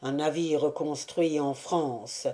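A woman reading the part of a surly, brooding old male buccaneer gunner, voiced lower and grumbling. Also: a little slow, mellow. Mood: gruff.

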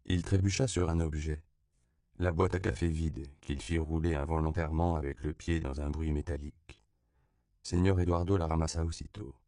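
A man narrating an audiobook in a measured, even storytelling voice, recorded close to the mic. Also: rumbling low, smooth, no echo.

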